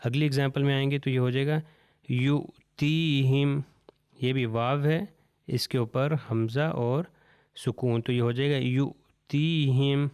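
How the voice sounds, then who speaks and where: Man, Quran recitation teacher, smooth resonant tone at a mid pitch, patient and slow on every example word. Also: steady tone, darkish tone. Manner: patient, repeats each word slowly and deliberately. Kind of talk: step-by-step recitation lesson.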